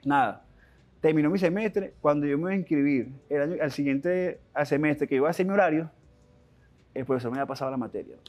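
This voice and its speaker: A young adult man with a Venezuelan accent, a guest telling his life story in an interview, animated and full of restarts and slang. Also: a little high. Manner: animated, fast-talking, with frequent restarts and slang.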